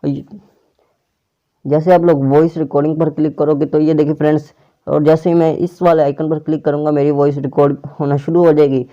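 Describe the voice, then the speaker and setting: In a casual tech tutorial, a man walks viewers through an app one step at a time. His voice sits a little high and sounds warm, with an even tone and a slightly quick pace, captured in lo-fi audio.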